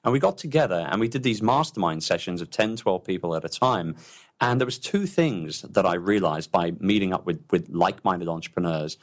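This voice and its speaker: A man's voice: sits low, lively intonation, a little fast. A man being interviewed about his businesses, speaking with enthusiasm and rambling through many restarts. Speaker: entrepreneur guest. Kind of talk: casual interview talk.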